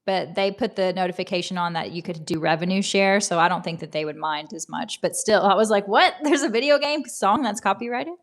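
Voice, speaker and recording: A Tennessee woman in her thirties, with a Southern American accent, hosts a relaxed livestream, reading comments, laughing often, and greeting viewers by name. Her voice is medium-pitched, and she talks fairly quickly, barely pausing.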